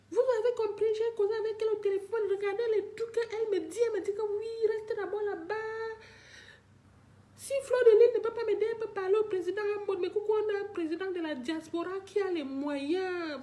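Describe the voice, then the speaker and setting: An older woman speaks directly to her live-stream audience in an emotional rant, pleading and repeating herself. Her voice is very high and warm in tone.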